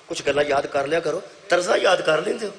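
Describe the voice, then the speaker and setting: A middle-aged man with a Punjabi accent preaching a sermon at a religious gathering, telling a story that swings between loud declaiming and soft asides, repeating phrases for effect. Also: on the high side, expressive, slight background noise. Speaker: Shia cleric preaching at a majlis. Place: religious gathering before an audience.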